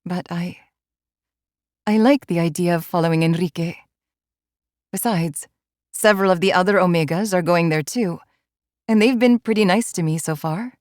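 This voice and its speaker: Woman reading an audiobook in first person, lowish voice, dry close mic, steady storytelling. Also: normal speed, long pauses, no room sound. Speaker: audiobook narrator.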